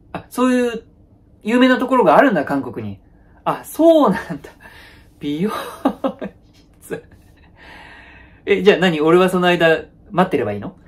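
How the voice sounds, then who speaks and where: A man's voice: fairly high pitch, slightly rough, full character voice. A man playing a young boyfriend in a one-sided comedy sketch, placating, repeating phrases nervously and laughing awkwardly. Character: young male boyfriend, placating, avoids any conflict.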